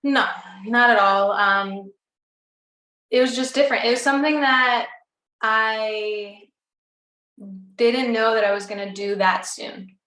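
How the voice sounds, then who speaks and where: A chatty young American woman whose first language is Greek appears as a recording artist guest in a casual interview, recorded in an echoey room. Her voice is on the high side, pushed and bright, steady and slow with frequent pauses, and she's bubbly, saying "like" and "um" a lot.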